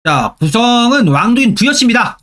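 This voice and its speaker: A middle-aged man lectures on history for exam preparation in a very high, sharp, sing-song voice at normal speed. He constantly asks rhetorical questions and repeats key terms for emphasis.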